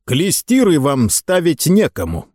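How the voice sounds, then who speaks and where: Male reader doing strict middle-aged captain, curt commands, deceptively soft at times, storybook. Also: on the high side, huge pitch swings, unhurried, no room sound, clean studio sound, voice pushed up, exaggerated voice. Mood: stern.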